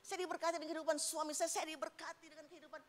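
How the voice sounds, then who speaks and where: A woman's voice: high-pitched, very fast. Middle-aged lady preacher telling stories from the pulpit, keeps saying brother/sister to the crowd, voice rings out in a big echoey church. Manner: lively storytelling, keeps calling out to the congregation. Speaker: evangelist preacher. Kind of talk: sermon with personal stories. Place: church sanctuary. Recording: long reverb of a church hall.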